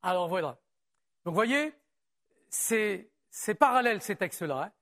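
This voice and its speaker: A man preaching in a church service, with the easy and conversational manner of a pastor talking straight to his people. He peppers the sermon with rhetorical questions. He turns slower and more measured when he reads a passage aloud. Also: high-pitched, big pitch swings, fairly bright tone.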